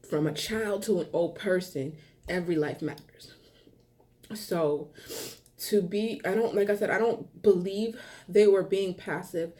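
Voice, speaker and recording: A woman's voice: on the low side, dark tone. A young woman vlogger talking earnestly to her viewers in a casual, heartfelt monologue, rambling with many ums and restarts and sounding short of breath.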